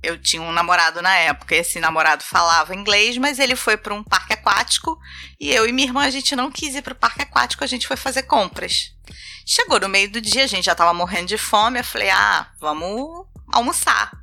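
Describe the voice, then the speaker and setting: A woman's voice: medium pitch, a little fast, vocal fry. A Brazilian woman with a Brazilian Portuguese accent, telling funny travel stories in a casual chat, acting out the people she quotes. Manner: animated, acts out voices and laughs while telling stories. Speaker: guest.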